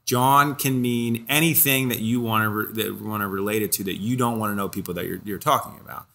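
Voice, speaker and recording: A man's voice: on the low side, steady tone, fairly quick, creaky, sharp tone. A man from Philadelphia with a Philadelphia accent and a stuffy nose, chatting as a podcast guest and explaining things with lots of examples and restarts. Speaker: guest, restaurant food and beverage director. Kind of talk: casual podcast conversation.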